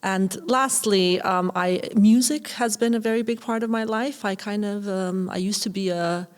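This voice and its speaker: A woman's voice: medium pitch, moderate pace. A woman in her thirties from Kosovo with an Albanian accent, a podcast guest who speaks thoughtfully and hesitantly, with many fillers. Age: 30s. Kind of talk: reflective interview talk.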